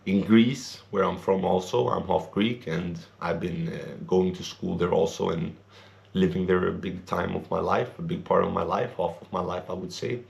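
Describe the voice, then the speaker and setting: A man's voice: low-pitched, steady tone, normal speed, vocal fry. A young man, an English speaker born and raised in Sweden, giving an earnest, rambling opinion monologue for his vlog. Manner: earnest, rambling, non-native grammar. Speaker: vlogger.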